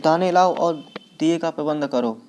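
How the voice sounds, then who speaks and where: A man's voice: fairly high pitch, moderate pace, darkish tone, a little hiss or hum, close to an everyday voice. A man reading as a choked-up young friend. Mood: grave. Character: choked-up young friend bearing bad news.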